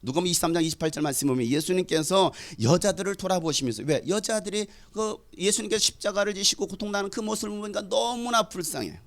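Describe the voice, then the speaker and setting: A middle-aged male pastor delivering a sermon, building from conversational asides to loud, impassioned exhortation. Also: sits high, fast talker, hardly any pauses.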